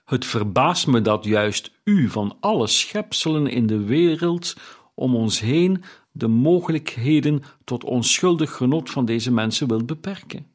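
Scrooge, an old miserly man with a pointed, higher voice, questioning and indignant, as a male reader puts him on, in an audiobook of a classic tale. He speaks slowly and carefully. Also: lively intonation. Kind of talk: audiobook character reading.

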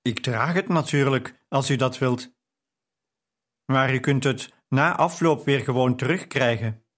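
A man's voice: mid-range voice, measured pace, natural voice. A man reading an audiobook, voicing a young woman who is the shy, formal wife of a nobleman and speaks in a flustered, modest way. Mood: hesitant.

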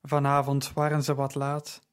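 A man narrating an audiobook story in a measured, even storytelling manner. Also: mid-range voice, smooth.

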